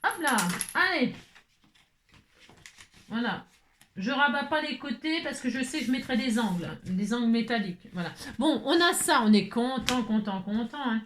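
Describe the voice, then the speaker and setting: A woman's voice: a little high, lively intonation, normal speed, fairly bright tone. A woman hosting a casual crafting tutorial, chatty and exasperated, constantly adding "hein". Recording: echoey room, faint noise.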